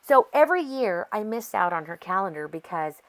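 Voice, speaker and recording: The recording is low quality, capturing an American woman with a congested, sore-throat voice hosting a craft video. Her medium-pitched delivery is sing-song, brisk, and fairly bright, and she rambles chattily through the process, getting sidetracked often.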